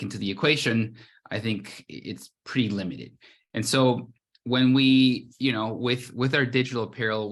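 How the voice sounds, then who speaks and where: A man's voice: lowish voice, a bit bright. A man from Guatemala, a brand founder, giving a casual conference presentation over a video call, with frequent restarts and fillers.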